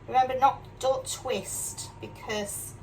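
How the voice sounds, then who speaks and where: Her fairly high, steady voice moves slowly, with a mixed northern English accent from Yorkshire, England. This older cooking vlogger chats casually and self-deprecatingly as she cooks in her home kitchen, often ending lines with questions, recorded on a distant mic with clear background noise.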